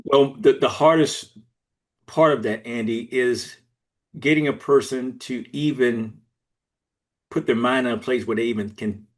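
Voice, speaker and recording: A man's voice: medium pitch, unhurried. A man from Georgia in the US, an executive coach speaking as a guest in a podcast interview, explaining things step by step in an earnest way. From Georgia, USA.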